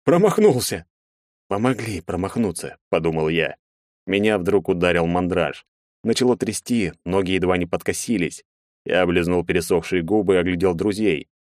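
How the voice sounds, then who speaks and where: Low-voiced male audiobook narrator. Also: no echo, studio quality. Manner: measured, expressive reading. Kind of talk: first-person audiobook narration.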